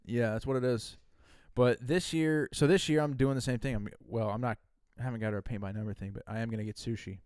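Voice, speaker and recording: A man in his late twenties co-hosting a podcast, easygoing in casual chat and quick with a quip. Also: medium pitch, fairly even intonation, a little mellow, smooth, no room sound, clean studio sound. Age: late 20s. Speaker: podcast co-host.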